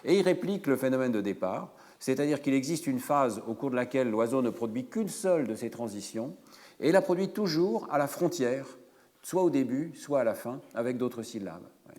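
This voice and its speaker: A man's voice: medium pitch, lively intonation, a little fast, a little mellow. A man giving a university lecture, explaining fluently with frequent hesitation fillers. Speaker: professor. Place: lecture hall. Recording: lecture hall with long reverb.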